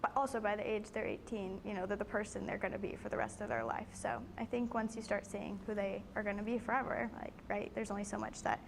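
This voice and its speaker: A nineteen-year-old woman from the United States giving relaxed, chatty interview answers, full of fillers. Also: mid-range voice, fast talker, gravelly, hardly any pauses. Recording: faint background noise.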